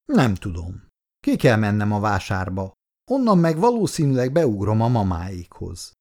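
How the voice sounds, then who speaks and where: A man's voice: fairly low pitch, huge pitch swings, a little mellow, full character voice. A man voicing an impatient young husband who speaks brusquely. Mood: calm. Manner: brusque, questioning.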